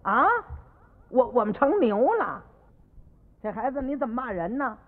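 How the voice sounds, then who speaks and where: A man voicing indignant, bossy household stewards who talk loud and fast, heard on an old radio recording with long reverb. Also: extremely high pitch, animated, narrow, tinny audio, pitched above the performer's own voice, exaggerated voice.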